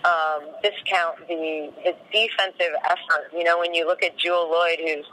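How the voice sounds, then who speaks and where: Bright-voiced woman coach, post-game. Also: fairly low pitch, steady tone, normal speed, a little hiss or hum, poor audio. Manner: rambling, full of "you know" fillers. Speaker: head coach. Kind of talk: post-game press interview.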